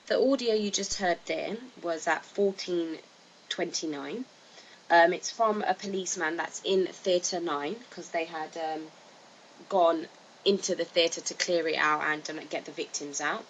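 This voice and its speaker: Speaking at a measured pace in a lowish voice, a woman delivers hesitant opinion commentary as a video narrator. She repeats herself and scatters filler like "you know" and "like" throughout, over a noisy amateur recording with obvious hiss.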